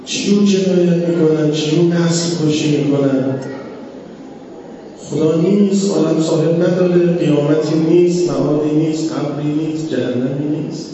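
A man's voice: fairly even intonation, warm tone, a little hiss or hum. A man preaching a religious sermon with fervor, asking rhetorical questions and telling stories, his voice jumping up for emphasis. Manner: fervent, rhetorical questions, sudden rises in pitch for emphasis. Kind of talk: impassioned religious sermon with storytelling. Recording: echoey, dull hall recording from far off.

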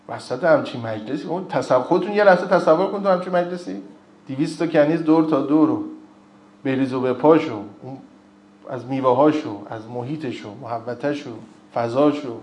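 A man's voice: a little high, darkish tone. A man giving an informal religious lecture, telling stories with joking asides and reciting old narrations in between. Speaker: religious speaker. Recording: roomy echo.

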